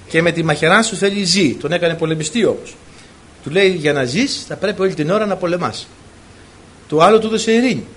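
A man's voice: fairly high pitch, fairly bright tone, husky. A man preaching a sermon to his congregation, telling stories with emotion and acting out the dialogue. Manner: emotional storytelling, acts out dialogue.

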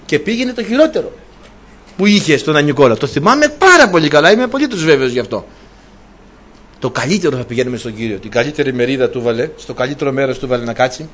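A man's voice: mid-range voice, very animated, a bit bright. A man preaching a sermon, retelling a story animatedly and asking his listeners rhetorical questions.

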